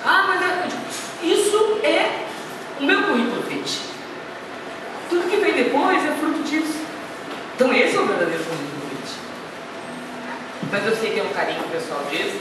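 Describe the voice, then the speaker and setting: Heard from a distance in a noisy, echoey hall, a woman delivers a chatty, anecdote-filled guest lecture and jokes about herself along the way. She has a fairly high, lively voice, speaks at a normal rate, and leaves long pauses.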